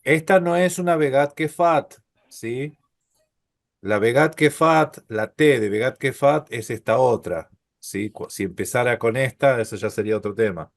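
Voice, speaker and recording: A middle-aged man guides a live Hebrew class, sounding out each letter at a very unhurried pace. His voice sits in a middle register and is recorded dry and close, with no room echo. He keeps checking that students follow with a gentle "¿sí?". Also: medium pitch, creaky. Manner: patient, slow letter-by-letter explanations with frequent "¿sí?" checks. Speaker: Hebrew teacher. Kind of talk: live online Hebrew lesson.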